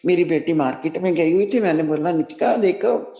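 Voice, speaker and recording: A woman's voice: sits low, fast, lo-fi sound. A middle-aged woman sharing a devotional testimony as spoken storytelling, acting out quoted dialogue and repeating devotional refrains. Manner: animated storyteller who acts out quoted dialogue. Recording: echoey room.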